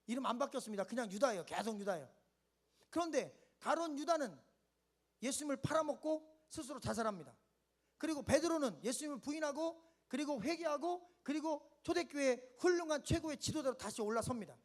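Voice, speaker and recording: A man's voice: very high-pitched, animated, a little fast. A man preaching a sermon at a winter camp, leading the congregation to repeat lines and answer amen. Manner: asks questions and answers them himself in short steps. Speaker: pastor.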